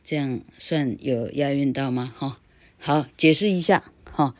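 An older woman teaching English in a relaxed, rambling way, her low voice moving slowly. She keeps adding a little "ha" to her phrases. When she gets to a rule, she chants it out slowly, syllable by syllable. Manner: rambling, ends phrases with a habitual "ha". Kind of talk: casual online lecture.

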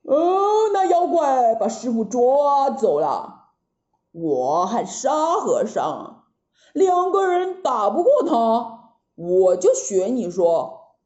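A woman's voice: a little high, sing-song, slow, warm tone. A woman storyteller voicing an anxious, scheming male pig disciple who talks in a pleading, coaxing way. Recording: roomy, dull lo-fi recording.

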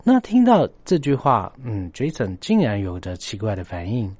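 Male host of a story-based English lesson, emphatic, repeats and spells out key words, animated pitch, dry close mic. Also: moderate pace, husky, no echo.

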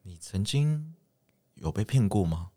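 A man's voice: lowish voice, big pitch swings, measured pace, warm tone, slightly rough. A young Taiwanese man co-hosting a casual podcast chat, joking and asking teasing questions. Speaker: podcast co-host.

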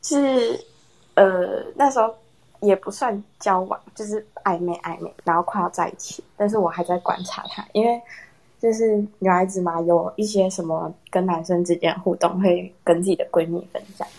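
A young woman casually telling a personal story in a chat with friends, animated and laughing often. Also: on the low side, moderate pace, creaky. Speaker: storyteller in a horror story contest.

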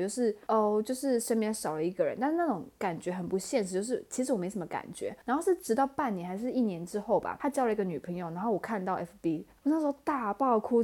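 A young woman, hosting a casual solo podcast and telling stories in a chatty, animated way. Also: medium pitch. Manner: chatty, animated, acts out her own past lines. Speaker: podcast host.

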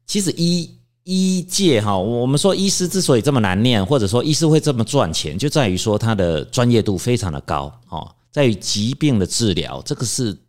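A man, a lawyer explaining legal points in a measured way, full of drawn-out fillers. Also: mid-range voice, sing-song. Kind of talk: discussion.

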